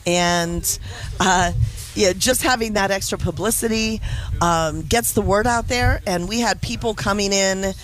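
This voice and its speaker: A woman's voice: mid-range voice, measured pace, rough recording. A woman appearing as a guest on a local radio show, explaining a food drive in a friendly way. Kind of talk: radio interview.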